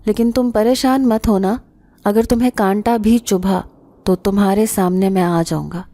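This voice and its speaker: A woman's voice: medium pitch, fairly even intonation, mellow, lightly acted. A woman voicing a mysterious, protective young man who speaks in a grave, solemn tone in a story reading.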